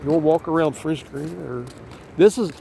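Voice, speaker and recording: A man's voice: a little high, fairly quick, vocal fry, noisy background. A man casually recalling a scary story with friends while walking and filming outdoors in a neighborhood, laid-back with chuckling asides. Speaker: friend telling scary stories. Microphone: handheld phone camera.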